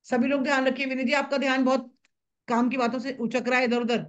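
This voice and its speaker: Woman, high-pitched, spiritual teacher, fast repetitive explaining, live online class, muffled lo-fi call sound. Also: level tone. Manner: brisk, repetitive, conversational explaining.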